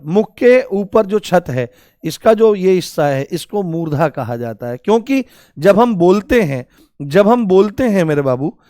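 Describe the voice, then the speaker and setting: Male tutor, young, high pitch, dry close sound, repetitive question-and-answer teaching, calls students babu. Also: a little mellow, dry recording. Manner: drawn-out slow spelling of sounds. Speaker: Hindi teacher for exam prep. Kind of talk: classroom lecture to camera.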